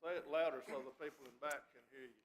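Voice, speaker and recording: A man's voice: on the high side, fairly even intonation, quick pace, heavy background noise. A man serving as judge, leading a graduation ceremony with hearty, joking announcements to a crowd in a large room. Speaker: judge presiding over a drug court graduation. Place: large room with an audience and a balcony.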